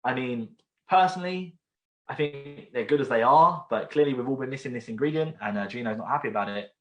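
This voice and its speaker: A British man hosts an online pub quiz from a room at home, chatting casually, rambling between questions and repeating each one. His mid-range voice is fairly bright and a little fast, with soft music in the background. The recording sounds roomy, as home recordings often do.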